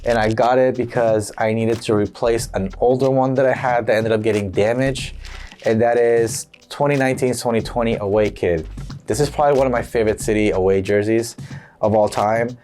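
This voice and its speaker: A man showing off his football jersey collection in a casual, upbeat, chatty way, his voice a bit rough from being sick. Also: mid-range voice, fairly even intonation, a little fast, a little mellow, faint music behind. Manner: chatty, upbeat, filler-heavy. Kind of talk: casual show-and-tell.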